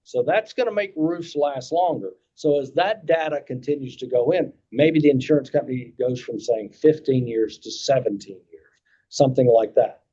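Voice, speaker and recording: A Kentucky insurance agent addresses a committee in a mid-range, dark voice with a breathy edge, speaking at normal speed. His folksy explanations circle back over the same points as he makes sure listeners are keeping up. It's captured in dull, lo-fi meeting sound.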